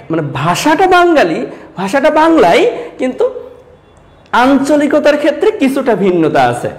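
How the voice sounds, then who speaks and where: A man from Sylhet teaching an online class, asking students repeated questions and addressing them directly. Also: high voice. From Sylhet, Bangladesh. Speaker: Bengali teacher.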